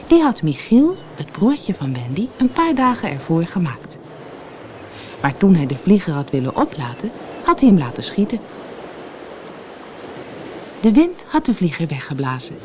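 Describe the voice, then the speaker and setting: An expressive storyteller from the Netherlands reads a children's fairy tale aloud. The voice sits at a middle pitch but rises and falls with lively range, and a faint hiss runs under the recording. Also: normal speed, pauses often. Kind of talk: audiobook fairy tale narration.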